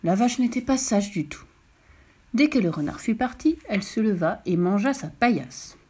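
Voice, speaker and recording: A woman reads a bedtime story aloud to children, gentle and expressive, her voice lively and full of movement. She speaks at a normal speed with a medium pitch and a breathy edge.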